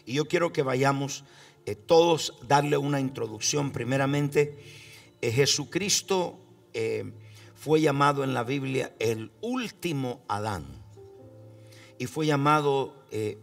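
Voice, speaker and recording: A man preaching a sermon as pastor, speaking slowly with fillers and calling on the congregation to repeat after him. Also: mid-range voice, vocal fry, distant mic.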